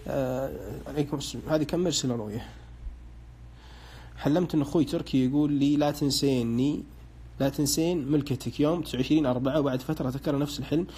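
A man's voice: medium pitch, dark tone, breathy edge. A man on a live broadcast, interpreting dreams and asking callers short questions, with a pious, hedging way of speaking. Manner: hedging with religious phrases.

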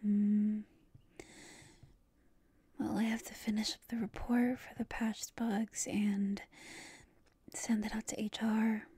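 A woman's voice: medium pitch, level tone, takes it slowly, long pauses, dark tone, husky, no echo. A woman voicing a tired, playful, affectionate girlfriend in a whispered role-play, talking intimately and a little hesitantly on a late-night call to her lover. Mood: tired, sheepish.

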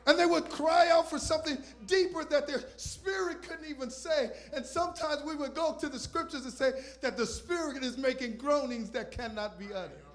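A man preaching a sermon on a church stage into a handheld microphone, moving between loud shouted lines and quiet asides. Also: extremely high pitch, normal speed, hardly any pauses. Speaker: visiting pastor. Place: church stage with purple lights.

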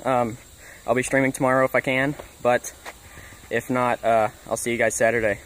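A man giving a casual vlog update to his stream viewers, talking with many fillers and pauses. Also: mid-range voice, little pitch movement, fairly bright tone, a little hiss or hum. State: out of breath.

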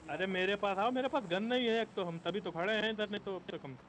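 A man's voice: high-pitched, fast talker, a bit bright, slight background noise. A man in live voice chat during an online shooter match, pleading and repeating himself in a panic. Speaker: online game player. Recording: game gunfire behind.

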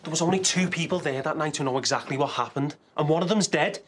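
An actor playing a reassuring friend who talks steadily and reasons things through. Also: male voice, a little high, quick pace, a bit bright, natural voice. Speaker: actor in a TV soap. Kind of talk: naturalistic TV drama acting.

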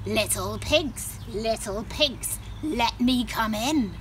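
A woman voicing a blustery big bad male wolf in a storybook, speaking slowly and loudly. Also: background noise. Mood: menacing. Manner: slow, booming and drawn out.

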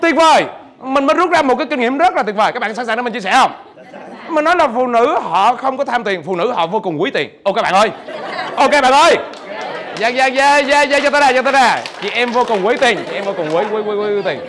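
Guy, middle-aged, high voice, lively seminar talk, jokes a lot, keeps repeating words. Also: fast talker, a faint crowd. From Vietnam. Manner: animated, jokey, repeats words and asks the audience. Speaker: business trainer. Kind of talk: motivational seminar talk to a live audience.

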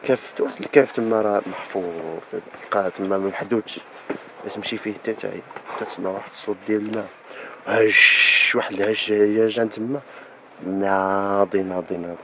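Fast-talking young man with a Moroccan accent. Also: lowish voice, steady tone, crowd noise. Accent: Moroccan Arabic. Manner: chatty, explains a local place with lots of fillers. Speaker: vlogger and hiker. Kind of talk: casual explaining on a hike. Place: mountain trail outdoors.

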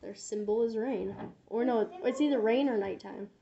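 A young woman giving drawing clues hesitantly, with many pauses and ums. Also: fairly high pitch, mellow, lo-fi sound. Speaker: friend giving drawing prompts. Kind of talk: casual chat.

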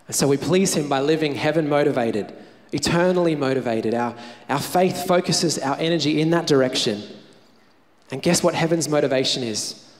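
Australian male pastor, higher-pitched voice, punchy repeated lines, reverberant church hall. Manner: energetic, emphatic, repeats phrases for effect. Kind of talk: sermon.

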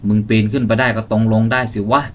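A low, flat-toned stranger who sounds calm and never frightened, with a dark edge underneath, as a storytelling man puts him on. He presses and commands without ever raising real fear. It is a spoken ghost tale. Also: brisk, a little hiss or hum, lightly acted. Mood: commanding. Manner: flat, even and unafraid. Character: eerie impostor hunter, calm then menacing.

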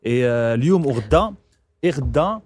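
A man's voice: medium pitch, lively intonation, a little mellow, no room sound. A man with a Moroccan accent hosting a morning radio show, joking and slipping into Arabic. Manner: fast, joking, switching into Arabic. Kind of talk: playful morning radio talk.

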